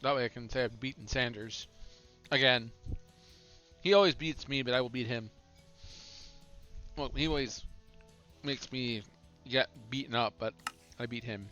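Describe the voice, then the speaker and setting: A man's voice: medium pitch, unhurried, pauses often, pushed and bright, highs cut off. A man hosting a livestream, casually muttering commentary to himself while playing a game. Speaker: streamer and host. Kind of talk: casual gaming chat. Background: game music.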